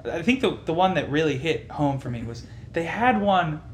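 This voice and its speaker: Wry man with a fairly high voice. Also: big pitch swings, normal speed, a little hiss or hum. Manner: wry, restarts when building a point. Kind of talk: casual podcast chat.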